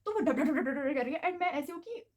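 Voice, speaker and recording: A young woman in her late teens telling a animated casual school story, mixing English words into her Hindi and acting out what people said. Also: high voice, fast. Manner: animated, mixes English into Hindi, acts out quotes. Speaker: student vlogger telling a story.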